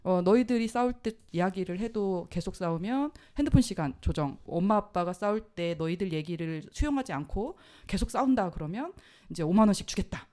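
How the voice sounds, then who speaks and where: A woman's voice: mid-range voice, lively intonation, fairly quick, dark tone. A mother in her forties, a radio talk guest, telling a family story animatedly, acting out quotes and laughing often.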